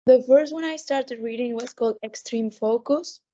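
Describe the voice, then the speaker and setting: Woman, fairly high pitch, thick swollen-throat sound, sore throat, casual halting podcast chat, slightly dull recording. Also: dark tone. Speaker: podcast co-host.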